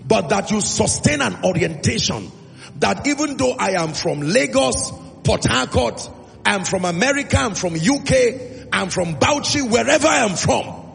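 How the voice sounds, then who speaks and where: This Nigerian man's high-pitched preaching voice has vocal fry and a slightly bright quality. Emphatic throughout, he calls out to his congregation, uses call-and-response, and lingers on key phrases, all echoing in a hall with music.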